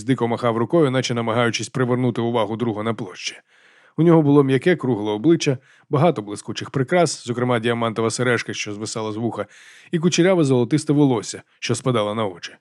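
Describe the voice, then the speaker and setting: A man reading an audiobook in a measured, even narration. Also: mid-range voice, dry recording. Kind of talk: scripted narration. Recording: dry studio.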